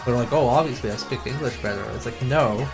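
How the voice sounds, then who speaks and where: Fast-talking and medium-pitched, this game streamer comes through on a low-quality recording. He rambles with strong opinions, curses, and mockingly mimics people, all over the music of a racing game.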